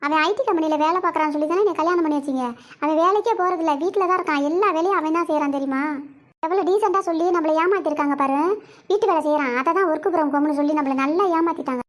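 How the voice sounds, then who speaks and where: A woman's voice: high voice, rapid-fire. A young woman acting a scolding, indignant bride in a scripted comedy sketch.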